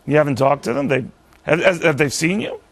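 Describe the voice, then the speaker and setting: Guy hosting a tv news interview, kinda high gravelly voice, keeps restarting and repeating words. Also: sing-song. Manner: halting, backtracks and repeats words. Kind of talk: conversational broadcast interview.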